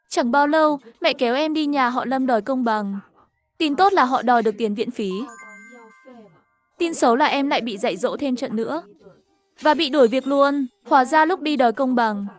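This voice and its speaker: A woman with a high-pitched voice narrates a first-person story over animation. She performs every character herself in an even storytelling manner.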